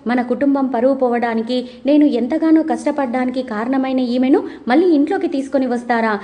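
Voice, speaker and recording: A woman's voice: high-pitched, fairly quick, lightly acted. A woman voicing an angry young woman who firmly demands that an unwanted guest leave. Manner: shouting, demanding. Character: angry young daughter of the house, firm.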